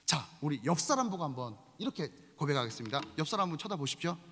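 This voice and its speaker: A man in his forties preaching a sermon as pastor, conversational and animated, often calling out to the congregation. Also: a little high, very fast, slight background noise. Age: 40s. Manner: lively, conversational preaching with frequent appeals to the congregation. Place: large church sanctuary. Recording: long reverb of a large hall.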